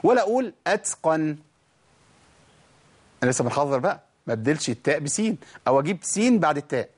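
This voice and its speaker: With an Egyptian Arabic accent, a man delivers a tajweed lesson, teaching how the Quran is recited by asking himself questions, answering them and showing how sounds are pronounced. He talks rapid-fire in a slightly high, darkish, breathy voice with big pitch swings.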